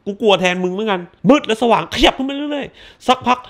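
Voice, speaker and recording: A man giving a casual spoiler review of a horror movie, talking in crude slang and acting out scenes with bursts of shouting. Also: high-pitched, fast.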